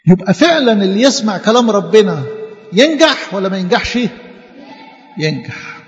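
A man's voice: high voice, very animated, brisk. A man with an Egyptian accent telling a Bible story to children. He keeps asking questions and leaves blanks for the children to fill. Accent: Egyptian Arabic. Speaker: Sunday school teacher. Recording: echoey hall, dull lo-fi sound.

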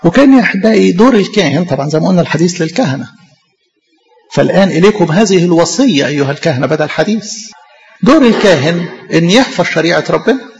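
Egyptian man, priest, impassioned sermon, high-pitched voice, echoey church hall with dull lo-fi sound. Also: expressive, rapid-fire, vocal fry. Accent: Egyptian Arabic. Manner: impassioned preaching, addresses the congregation directly.

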